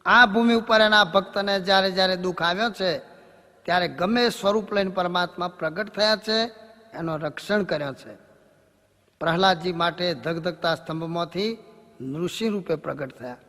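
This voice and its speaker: Bright-voiced devotional male storyteller. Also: high-pitched, moderate pace, in a large hall. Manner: preachy, jokey, animated storytelling.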